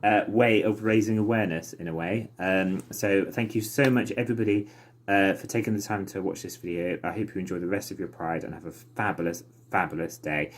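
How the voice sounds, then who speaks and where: A man with a low-pitched voice speaks informally to camera. He sounds earnest and slightly hesitant, as in a personal video message. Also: fairly even intonation, brisk. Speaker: podcaster and awareness campaigner.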